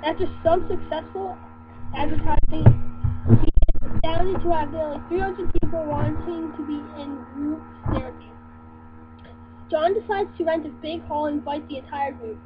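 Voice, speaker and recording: Young woman, high-pitched, halting joke reading, giggly, muffled lo-fi recording, mains hum. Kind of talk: reading jokes aloud. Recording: lo-fi home mic with hum.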